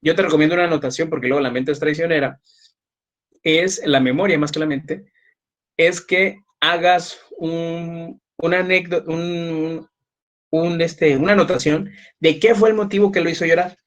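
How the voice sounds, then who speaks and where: A man's voice: on the high side, fairly even intonation, normal speed. A man giving a recorded psychology class, talking conversationally, repeating points and checking in with "ok?", with frequent fillers and restarts. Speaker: psychology lecturer. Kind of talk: recorded online class lecture.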